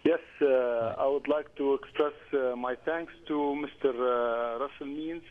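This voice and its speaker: A man's voice: mid-range voice, steady tone, measured pace. Hesitant male caller on a tinny phone line. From Palestinian. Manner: hesitant, many fillers, formal phrasing.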